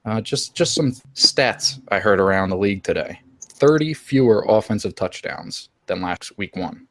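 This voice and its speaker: A man's voice: lowish voice, expressive, moderate pace, fairly bright tone. A young man hosting a fantasy football podcast, gloating and trash-talking his friends in theatrical, boastful banter. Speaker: podcast host.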